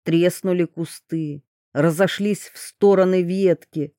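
Measured female audiobook reader for a dark fairy tale, slow and warm. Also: on the low side, fairly even intonation, dry recording, clean studio sound. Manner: measured, storytelling. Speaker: audiobook narrator.

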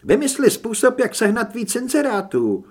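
A man reading an audiobook, voicing a sharp, practical young woman who edits a newspaper. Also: extremely high pitch, huge pitch swings, voice pushed up, full character voice. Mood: insistent.

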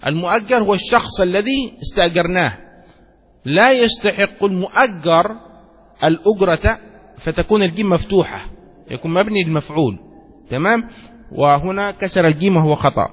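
A man's voice: sits high, a little fast, pauses often, fairly bright tone, husky, long reverb tail. A male Islamic scholar teaching a religious law text. He reads passages aloud, explains them with examples and keeps asking if his listeners follow. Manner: explains with examples and checks understanding.

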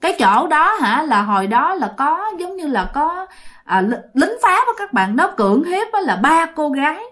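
A woman's voice: sits high, very animated, moderate pace, a bit bright, voice pushed up. A woman voicing a rescuer from a passing boat who scolds and warns. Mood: scolding. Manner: exclaiming, scolding.

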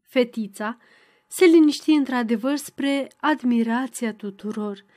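A woman narrating a novel as an audiobook in a measured, even reading. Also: on the high side.

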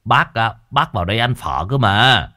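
A man's voice: sits low, animated, moderate pace, a bit bright, husky, full character voice. A man doing a stammering old man, flustered. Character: frightened stammering old man, hungry and coarse.

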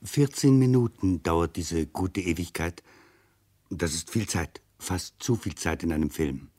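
A man with a fairly low voice acts as commentator. He reads essayistic narration in long, explanatory sentences, sounding reflective throughout. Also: a little mellow.

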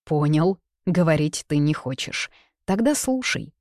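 A cocky young man who teases and provokes, read by a woman. His lines come in a low, mocking voice, close and dry, with no room around it. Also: expressive, measured pace, darkish tone, no room sound. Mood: teasing.

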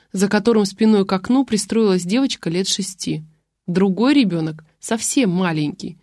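A woman narrates an audiobook in the first person at a middle pitch. Her storytelling is wry and even, and the recording is dry and close with no room sound. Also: dry recording.

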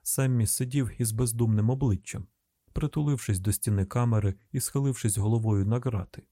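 A man narrating an audiobook in an even, measured way. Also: mid-range voice, no echo, studio quality.

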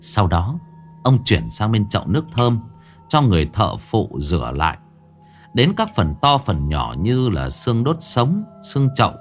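Man narrating a ghost story, low and lively. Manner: dramatic, vividly expressive storytelling.

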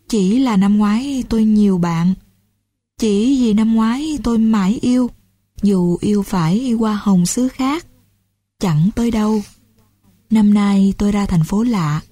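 Woman narrator, audiobook reading, calm storytelling, warm mellow voice, dry close sound. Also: medium pitch, slightly rough, no echo. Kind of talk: scripted first-person novel narration.

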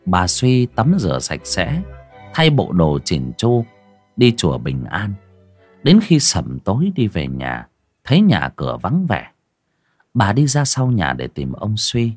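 A man narrating a horror audiobook in a dramatic, expressive reading. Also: lowish voice, slow, husky, faint music behind. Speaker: storyteller.

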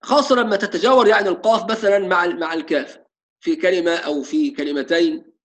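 High-voiced Egyptian man teaching recitation. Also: steady tone, fairly bright tone. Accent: Egyptian Arabic. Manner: slows down and stretches sounds to demonstrate letters; mixes formal Arabic with colloquial asides. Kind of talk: tajweed lesson with spoken demonstrations.

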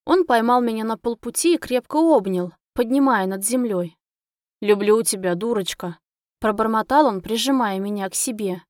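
Expressive woman reading an audiobook. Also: fairly high pitch, brisk, hardly any pauses, no echo, studio quality. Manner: emotional, expressive. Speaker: narrator. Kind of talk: first-person audiobook narration.

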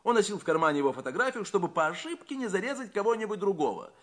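Self-satisfied police inspector, audio play, skeptical, matter-of-fact, raised pitch, swooping intonation. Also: male voice, sing-song, very fast, fairly bright tone. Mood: triumphant. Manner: smug, matter-of-fact reporting. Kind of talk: Russian audio play acting.

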